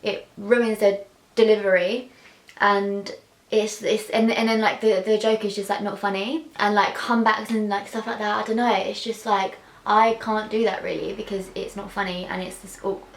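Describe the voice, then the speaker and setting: Talking openly to camera, a young English vlogger stutters, repeating sounds and words before they come out. She's heartfelt and leans on fillers like "like," with a voice neither high nor low. She's in a small bedroom that gives the recording a clear echo.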